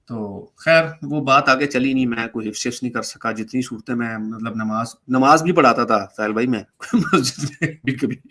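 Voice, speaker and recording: A man's voice: medium pitch, few pauses. A man speaking as a guest, casually recounting his own story and re-enacting the conversations in it. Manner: animated, re-enacts dialogue while recounting events. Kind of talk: casual spoken storytelling in a debate stream.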